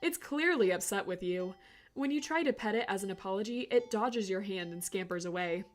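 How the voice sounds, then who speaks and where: A young woman streamer reading a horror visual novel aloud with a theatrical, animated delivery. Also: medium pitch, fairly quick, faint music behind.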